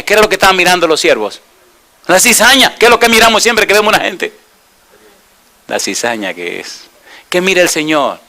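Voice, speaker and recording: Bright-voiced male pastor preaching. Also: mid-range voice. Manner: animated storyteller, asks the congregation rhetorical questions. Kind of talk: storytelling sermon.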